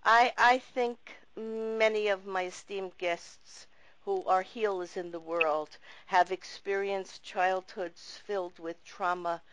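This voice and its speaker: A woman's voice: mid-range voice, fairly even intonation, takes it slowly, no room sound, poor audio. Woman, talk show host, earnest, reflective, dry recording.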